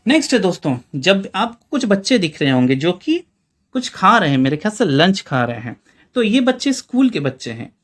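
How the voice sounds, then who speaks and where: A man with an Indian Hindi accent teaches in a chatty lesson style, his voice sitting high for a man. He keeps putting questions to the listener and calls them friends as he explains each word. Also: big pitch swings, a little fast, a bit bright. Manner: quizzes the viewer with rhetorical questions. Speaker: English teacher.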